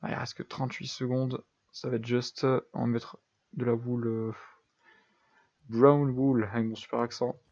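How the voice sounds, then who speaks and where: A man's voice: medium pitch, little pitch movement, moderate pace, creaky, a little mellow, highs cut off. A young man giving casual, self-deprecating commentary over a building game, thinking aloud with lots of fillers. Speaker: gaming YouTuber.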